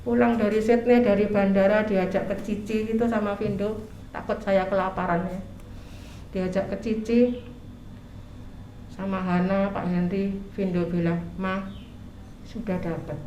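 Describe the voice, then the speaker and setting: An older woman preaching a sermon, animated and chatty, acting out prayers in a raised voice. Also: medium pitch, moderate pace, slight background noise. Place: church. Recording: echoey church room, faint ambience.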